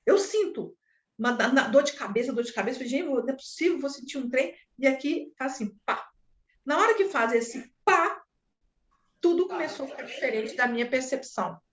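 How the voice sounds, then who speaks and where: A woman telling a personal story in an animated, repetitive way, with sound effects. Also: sits high, brisk, slight background noise. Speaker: spiritual speaker. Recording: echoey room, dull lo-fi sound.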